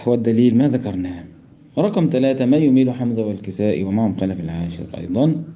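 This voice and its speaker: A man's voice: fairly low pitch, racing, mellow, slight background noise. A man with an Egyptian accent teaching a class on Quran recitation rules, explaining step by step, quizzing his students and chanting verse quotations. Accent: Egyptian Arabic. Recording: dull lo-fi recording.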